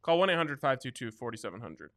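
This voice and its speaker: A man hosting a sports betting show, reading a fast legal disclaimer and rattling off the terms quickly. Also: mid-range voice, big pitch swings, fairly bright tone, no echo.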